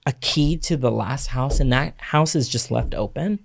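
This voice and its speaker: A man co-hosts a casual podcast and speaks as a realtor. He is blunt and swears constantly, tossing out jokingly mean asides. His talk is relaxed, offhand chat. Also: mid-range voice, gravelly. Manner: blunt and heavily profane; jokingly mean, mocks people in quick impressions.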